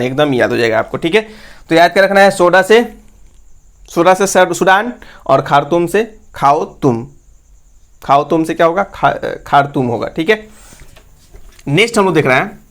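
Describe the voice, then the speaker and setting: A man teaching an exam-prep lesson, repeatedly asking his listeners questions and answering them himself. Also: on the high side.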